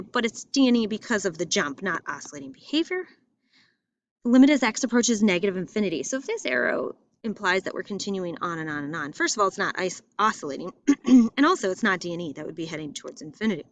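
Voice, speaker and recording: A woman teaching a math lesson in a school, talking in a lively, emphatic way and repeating phrases for stress. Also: medium pitch. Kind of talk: classroom lesson walking through graphs. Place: school classroom or building with loudspeaker.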